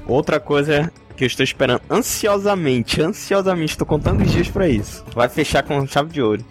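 A man's voice: on the high side, lively intonation, brisk. A man with a Brazilian Portuguese accent co-hosting a podcast in casual, enthusiastic, slangy fan chat. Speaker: podcast co-host. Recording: music behind the voice. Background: music.

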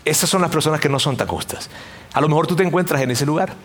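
A middle-aged man preaches a sermon in a chatty, animated way, his voice sitting notably high for a man. He often slips into the voices of the people in his examples. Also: fast talker. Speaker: pastor.

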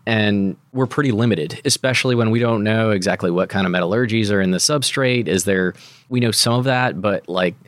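A man's voice: lowish voice, a little fast, dry recording, clean studio sound. A man co-hosting a podcast, explaining technical matters in a casual, colloquial way. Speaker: podcast co-host.

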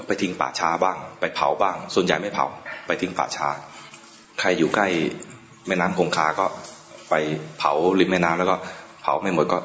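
A male Buddhist monk with a fairly low voice gives an informal Dhamma talk to laypeople. He tells stories in a chatty, unhurried way, pausing often between phrases. The recording is dull and lo-fi, with a roomy echo around his voice. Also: fairly bright tone. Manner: chatty storytelling, pauses often.

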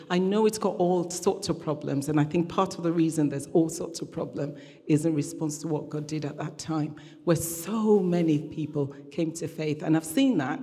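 A middle-aged woman, a regional church minister appearing as guest preacher, speaks with a low, darkish, breathy-edged voice. Her conversational sermon and interview happen live in a large church hall, and the recording echoes with long reverb.

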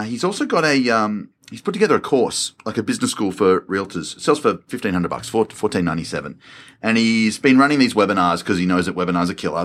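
Upbeat man co-hosting a podcast. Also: low-pitched. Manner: upbeat, laughing, animated talker. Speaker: podcast co-host. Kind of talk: casual business podcast chat.

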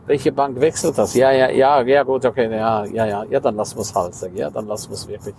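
A man with a gravelly, creaky voice talks a casual podcast monologue outdoors. He rants indignantly and keeps tossing in tag questions. Traffic and street noise fill the background. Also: mid-range voice, fairly even intonation, a little fast. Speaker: podcast host and coach.

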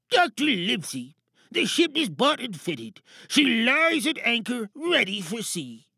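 A meek, eager cartoon sidekick reads obediently. His voice is very high and bright, with a lively lilt and a gravelly texture. It sounds dry and close. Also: dry recording, heavily acted.

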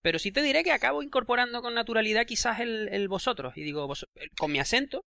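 A man's voice: very high-pitched, animated, fast, vocal fry, pushed and bright, dry recording, clean studio sound. A man co-hosting a podcast, speaking in a reflective, hesitant way with many fillers. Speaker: podcast co-host. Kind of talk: casual conversation.

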